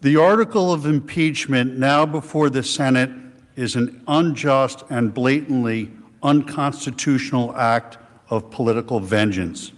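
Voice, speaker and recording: A man argues formally as a defense lawyer, reading prepared remarks with accusatory emphasis. His mid-pitched voice echoes in a large hall. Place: large legislative chamber.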